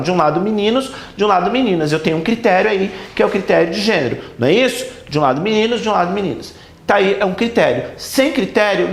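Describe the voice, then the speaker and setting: Casting: high, gravelly male teacher lecturing in an echoey classroom, insistent and repetitive. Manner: emphatic, repeats key points with rhetorical checks. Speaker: grammar teacher.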